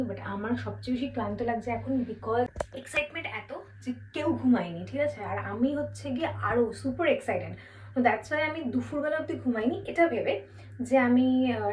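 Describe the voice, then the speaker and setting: A woman's voice: a little high, low-quality recording. A young woman with a Kolkata Bengali accent, chatting casually in a travel vlog and dropping English words into her talk. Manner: talking softly at first, louder on the train. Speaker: vlogger. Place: home, then inside a train carriage. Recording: loud vehicle and room noise behind.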